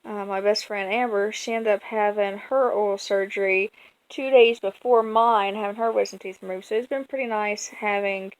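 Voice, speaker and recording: An American woman telling a personal story in a casual, folksy vlog style, chatty and animated as she quotes herself and leans on words for emphasis. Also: mid-range voice, normal speed, poor audio. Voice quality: colloquial, folksy speech. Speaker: vlogger.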